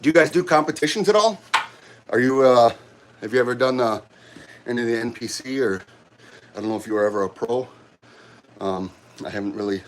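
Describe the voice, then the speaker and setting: A middle-aged man, out of breath, chatting casually with viewers of his livestream during a gym workout, halting and rambling with many restarts. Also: medium pitch, slight background noise. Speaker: livestream host. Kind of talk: casual chat while working out on a livestream. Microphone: camera set up nearby.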